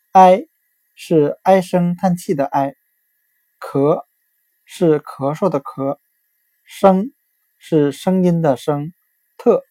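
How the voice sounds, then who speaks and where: A woman's voice: deep voice, mellow, no room sound. A woman teaching English vocabulary, spelling words out letter by letter. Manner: slow, deliberate spelling out letter by letter. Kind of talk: vocabulary lesson.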